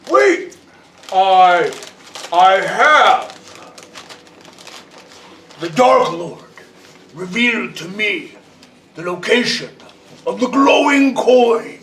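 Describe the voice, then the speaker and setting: Dopey, bellowing cartoon giant, high and slow. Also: male voice, fairly bright tone, full character voice. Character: dopey, grandiose one-eyed giant cult leader. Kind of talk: tabletop role-play character voice. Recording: roomy, distant mic with faint noise.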